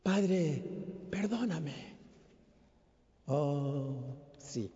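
Mexican priest preaching slow and soft, kinda high voice, mellow tone, big church echo, a bit muffled. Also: male voice. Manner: earnest, prayerful, often hushed. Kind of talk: homily at Mass. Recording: long church reverb, dull sound.

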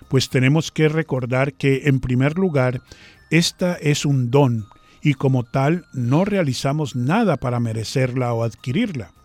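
A man's voice: medium pitch, no echo. Formal male radio preacher. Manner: formal, steady, prayerful delivery. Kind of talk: sermon-style reflection on radio.

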